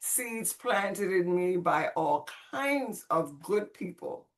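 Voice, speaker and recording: A Spanish-raised Caribbean woman, born on Saint Croix and raised in Puerto Rico, tells her life story on a podcast, conversational and expressive. Her voice is fairly low, with lively intonation and a slow pace.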